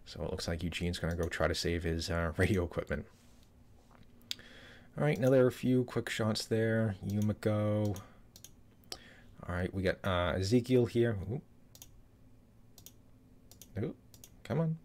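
A man in his thirties reviews a trailer for YouTube from a small room, his voice on the low side and a little mellow. He talks at a measured pace with frequent pauses, rambling casually with lots of fillers and restarts.

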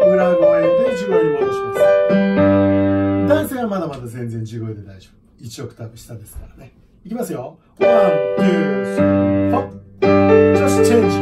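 A man's voice: a little high, recorded from a distance. A man teaching a singing lesson, counting in and singing scales along with a piano. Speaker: vocal coach.

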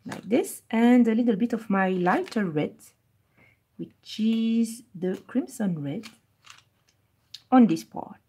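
Slow and pausing often, this live coloring host has a husky, fairly high, animated voice. She teaches in both French and English, repeating every step, reads the chat, and drops to a soft murmur while she focuses on coloring.

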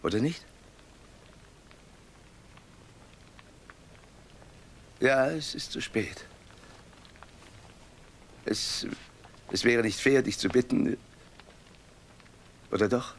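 An actor dubbing a lonely middle-aged man back from an asylum, speaking in a halting, imploring way in a 1930s film drama. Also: medium pitch, slight background noise. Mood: resigned.

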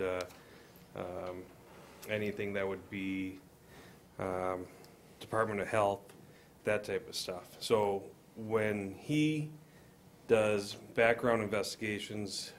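A man's voice: fairly low pitch, fairly even intonation, a little slow, a little hiss or hum. A man with an Upper Midwest American accent, a police officer explaining background checks at a council meeting.

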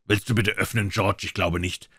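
A man's voice: fairly low pitch, steady tone, normal speed, a bit bright, dry recording, clean studio sound. A man voicing a suave, amiable and mocking male detective in a crime audiobook. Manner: smooth, amiable, ironic.

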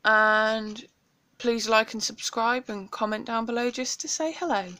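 A young British craft vlogger shows off a craft haul at home, enthusiastic and peppering her talk with ums. Her voice is on the high side and sharp in tone, level, and measured in pace.

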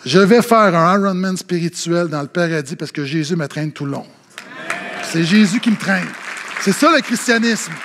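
A man's voice: sits high, normal speed, a crowd in the background, background noise. A man with a Québécois French accent, preaching a sermon as pastor and telling funny anecdotes, acting out the people he quotes. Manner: animated storytelling, acting out quoted voices.

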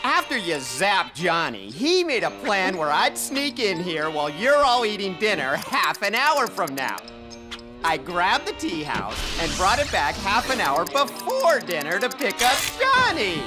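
A woman's voice: mid-range voice, wildly swooping pitch, a little slow, over loud music. A woman voicing a sarcastic talking cartoon dog. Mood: smug. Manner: dry sarcastic quips. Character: wisecracking talking pet dog, sidekick. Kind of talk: cartoon voice acting.

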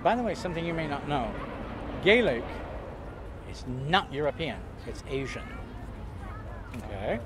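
This older man's voice sits a little high and is very animated, though he takes his time and pauses often. He's being interviewed outdoors on a waterfront pier, telling casual stories in a chatty, theatrical, joking manner punctuated by loud laughter, with street sounds behind him.

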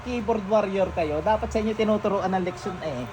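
During a healing session at home, a male faith healer with a high voice sternly questions a patient and murmurs ritual chants. He speaks briskly over a noisy background.

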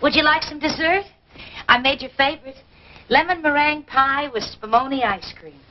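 An actress playing a patient, gently chiding 1950s housewife with an American accent in a mid-century radio comedy. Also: female voice, high voice, normal speed, natural voice. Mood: patient, caring. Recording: dull, noisy vintage radio recording.

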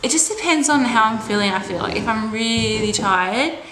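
A young Australian vlogger in her twenties chats casually to camera inside her house, hesitant and stop-start with a slight stutter. Her voice is on the high side and animated, at a normal speed, with a roomy sound. The home camera audio picks up clear background noise.

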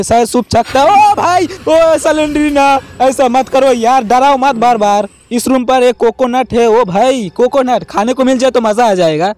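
A young man giving excitable gameplay commentary, talking straight to viewers with lots of exclamations. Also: very high-pitched, dry recording. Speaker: gaming YouTuber.

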